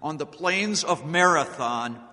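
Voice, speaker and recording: An American man telling history as a public speaker, deliberate and dramatic, with emphatic pauses. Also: a little high, lively intonation, pushed and bright. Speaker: speaker giving a historical talk to an audience. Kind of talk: public storytelling speech on history. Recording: echoey hall with long reverb.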